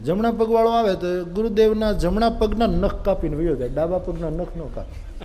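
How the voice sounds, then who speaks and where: A man's voice: sits high, normal speed. A man with a Gujarati accent telling a humorous religious story in a sermon, acting out the characters' lines. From India. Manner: animated, acts out characters, audience laughter. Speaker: spiritual storyteller. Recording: long-reverb hall, live event.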